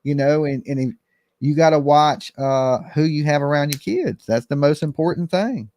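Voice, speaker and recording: A man's voice: on the high side, moderate pace, darkish tone, a little hiss or hum. A middle-aged man hosting a call-in show, giving casual commentary in plain, colloquial speech. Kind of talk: casual live commentary and chat.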